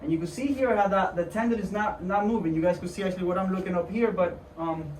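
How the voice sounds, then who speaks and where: Male doctor, higher-pitched voice, informal and reassuring walkthrough of a procedure, picked up from a distance in an echoey room. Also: quick pace, darkish tone. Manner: informal, reassuring, repeats himself while demonstrating. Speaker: doctor performing a hand procedure. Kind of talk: casual procedure walkthrough to patient and viewers. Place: indoor clinic room. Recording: roomy, distant mic with background noise.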